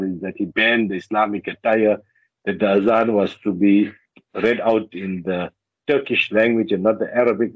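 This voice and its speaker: A husky, fairly low-voiced man with a South African Indian accent speaks as a radio guest. He is deliberate and builds on repeated phrases, heard dry over a dull link. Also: dry recording. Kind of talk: conversational radio interview.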